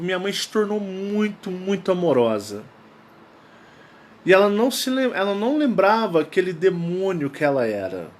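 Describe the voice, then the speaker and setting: A man with a Brazilian Portuguese accent, hosting his channel and telling a personal story in casual style, emphatic and prone to repeating key phrases. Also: high-pitched. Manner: acts out quoted dialogue. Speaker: channel host.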